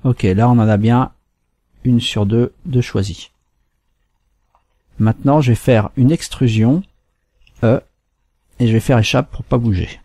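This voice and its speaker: A man from France hosting a screen-recorded software tutorial, walking through steps calmly with fillers and restarts. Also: mid-range voice, dry recording. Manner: unhurried, step-by-step with fillers and restarts. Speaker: tutorial host.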